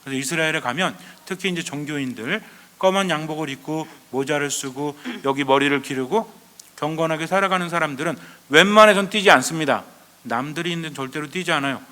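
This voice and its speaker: Priest guy telling stories in a sermon, bright fairly high voice, big echoey hall. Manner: lively storytelling with rhetorical questions. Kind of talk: Advent lecture sermon.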